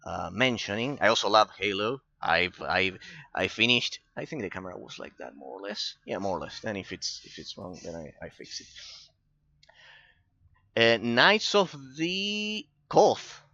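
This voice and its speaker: An Argentine man with a Spanish accent chats casually with viewers while playing, repeating himself and laughing. His voice is low and bright, recorded close on a dull, dry mic. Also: big pitch swings, measured pace, gravelly, dry recording. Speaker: gaming streamer. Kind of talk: casual chat over gameplay.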